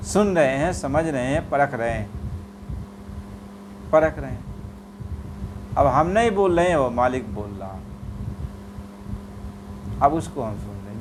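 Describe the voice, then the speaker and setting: A man giving a devotional sermon, repeating phrases and drawing out chanted verses in a slow, melodic way. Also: medium pitch, background noise. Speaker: spiritual preacher.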